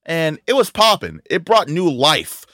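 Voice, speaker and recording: Young man, lively swooping delivery, blunt sweary podcast host, dry recording. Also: on the high side, measured pace, no echo. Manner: sweary, blunt, repeats himself. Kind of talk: casual opinionated chat.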